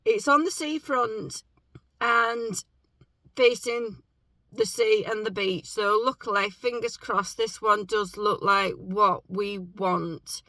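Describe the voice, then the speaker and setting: A woman chatting casually to camera from inside her parked car, telling a story with lively quoted reactions, sounding low on energy with her morning voice. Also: slow, dry recording, low-quality recording. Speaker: vlogger.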